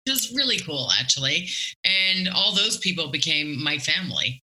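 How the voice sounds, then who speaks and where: A middle-aged woman with a Canadian accent chatting casually as an interview guest, joking and self-deprecating in an animated way. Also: low voice, normal speed, low-quality recording. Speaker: guest comedian.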